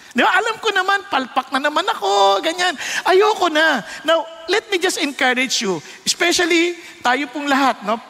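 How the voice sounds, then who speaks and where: A Filipino man preaching a sermon as pastor, animated, switching between Tagalog and English and acting out the voices of the people in his stories. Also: extremely high pitch. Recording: long hall reverb.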